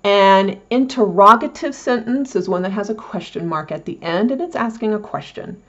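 A woman's voice: medium pitch, lively intonation, moderate pace, muffled recording. Chatty woman explaining a lesson. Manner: friendly, chatty, explains step by step. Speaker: Spanish teacher for parents.

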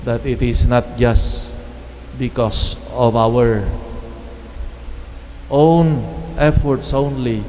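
A middle-aged man preaching a homily at Mass, speaking in measured, halting phrases with pauses, into a lectern microphone. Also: mid-range voice, fairly even intonation, dark tone, a little hiss or hum. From Philippines. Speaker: priest. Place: church chapel. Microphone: standing mic at lectern. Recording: long church reverb, faint ambience.

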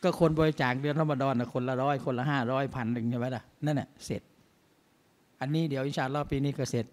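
A man's voice: medium pitch, fairly even intonation, fast talker. A man giving a mosque sermon as imam, in a conversational way full of rhetorical questions.

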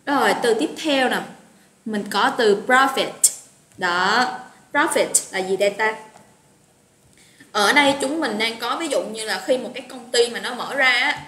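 A fairly high, bright, forceful voice belongs to this woman with a Southern Vietnamese accent. In her live online English vocabulary class she's talkative and supportive, calling out students' names; the audio has a roomy echo and faint noise.

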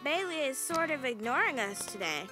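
A woman's voice: high voice, very animated, moderate pace, over music. A woman voicing an outspoken, loyal teenage girl in a cartoon, frank and spirited. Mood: disgruntled. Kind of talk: animated series voice acting.

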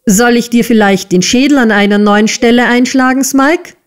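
A spiteful schoolmaster's wife screeches threats in a high, piercing voice, put on by a woman narrator. Loud and cutting. Audiobook storytelling. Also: very animated, slow pace. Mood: shrieking. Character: shrill cruel schoolmaster's wife. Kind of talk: audiobook character reading.

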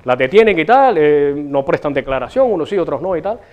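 Brisk and sing-song, a fairly high-pitched male voice belongs to a middle-aged local TV host with a Canarian Spanish accent. He performs a rambling comic monologue full of swearing and big gestures in a small studio with a city backdrop, and the audio has its highs cut off.

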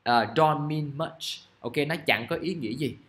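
A man, teaching English grammar in a casual, chatty way and reading example sentences out slowly. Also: fairly high pitch, a bit bright. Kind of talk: casual classroom explanation. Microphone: recording device at his desk.

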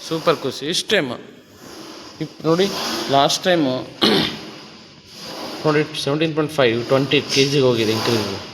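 Slow-talking male gym trainer. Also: medium pitch, in a large hall, noisy background. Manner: counts reps, coaxes and teases the client playfully. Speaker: fitness trainer. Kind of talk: coaching a client through a workout.

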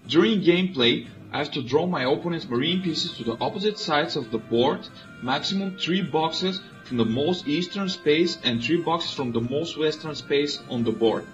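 A man from Bulgaria, a native Bulgarian speaker, calmly and methodically explaining his moves in a strategy board game. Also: on the high side, normal speed, dull audio, faint music behind. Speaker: player. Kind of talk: let's play commentary.

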